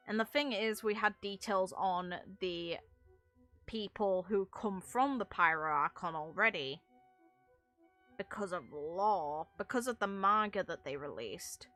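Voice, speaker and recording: Her voice is fairly low and sharp as she talks through game lore for her gaming videos. The delivery is informal and meandering, a touch sweary, and dotted with wry remarks.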